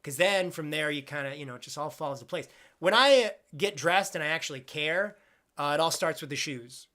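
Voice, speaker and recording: A man in his twenties with a fairly high, bright, forceful voice talks a little fast. He's chatting casually on a live stream, reading viewer questions aloud and rambling with self-deprecating jokes.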